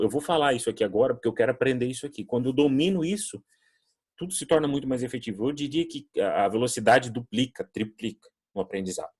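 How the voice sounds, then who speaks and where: A man from Brazil teaches an online English class in a chatty, animated way. His voice sits in a middle register, and he slips into little acted-out voices when quoting people. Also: medium pitch. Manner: conversational, animated, acts out quoted voices. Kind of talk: online class answering student questions.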